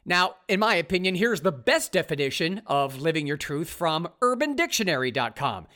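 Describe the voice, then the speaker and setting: A man's voice: fairly high pitch, moderate pace. A man hosting a talk show, delivering a sarcastic, opinionated commentary monologue. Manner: sarcastic, mocking, animated.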